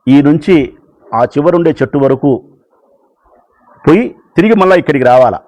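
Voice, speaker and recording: A man's voice: on the high side, animated, moderate pace, a little mellow, lightly acted, poor audio. A man voicing a boastful male donkey in a spoken fable, bragging and pressing a silent lion to race. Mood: coaxing. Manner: boasting, pleading.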